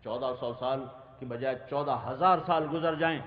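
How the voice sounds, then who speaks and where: A man preaching an emotional sermon, reciting verse and long rhythmic lists with rising passion. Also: mid-range voice. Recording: echoey, dull lo-fi hall recording.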